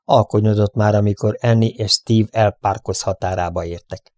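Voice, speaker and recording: A man reading an adventure audiobook aloud in a steady storybook narration. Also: fairly low pitch, no room sound, clean studio sound. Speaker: audiobook reader.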